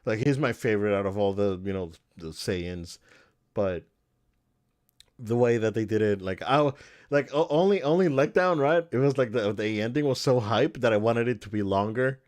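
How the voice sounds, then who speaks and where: A man with a lowish voice, co-hosting a casual podcast chat. He rambles with excitement, restarting sentences and piling on fillers as he talks. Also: moderate pace. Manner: rambling, enthusiastic, many restarts. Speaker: podcast co-host. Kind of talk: casual chat about movies.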